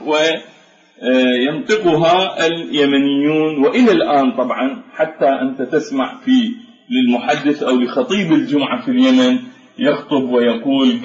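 A man giving a measured spoken lecture, explaining step by step with frequent pauses and fillers. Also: medium pitch. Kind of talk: spoken lecture on Arabic phonetics. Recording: dull lo-fi recording in an echoey room.

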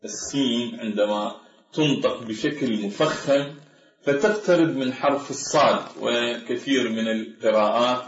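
A man's voice: medium pitch, soft background music. Lecturing man in an echoey room. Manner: measured, explanatory, slows to sound out example words. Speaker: Arabic language lecturer. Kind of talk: academic lecture. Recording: echoey, dull lo-fi room recording.

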